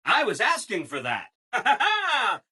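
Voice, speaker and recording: A man's voice: extremely high pitch, huge pitch swings, a little slow, sharp tone, breathy edge, heavily acted. A man voicing a relentlessly cheerful, eager-to-please robot assistant in a video game, chipper and exaggeratedly polite. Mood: cheerful self-abasing. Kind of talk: video game character acting.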